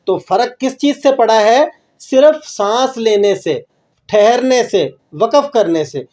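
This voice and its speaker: A high-pitched man teaches a religious lesson in a patient, explaining way, often asking his listeners if they follow. His tone is mellow and soft-edged, and he slows right down when he chants his recitation examples. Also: lively intonation. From Pakistan.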